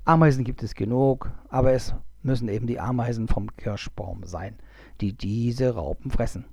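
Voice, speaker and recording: Old storybook goblin, slow, gravelly and grumbling, read by a man. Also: mid-range voice, a little mellow, dry recording, clean studio sound. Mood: patient. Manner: unhurried, grumbling. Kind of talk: storybook reading.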